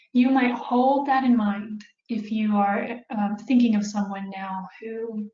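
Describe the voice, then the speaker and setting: A woman therapist giving a calm, explanatory talk to viewers, often checking in with "right?". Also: medium pitch. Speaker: therapist teaching about couples. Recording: echoey room, dull sound.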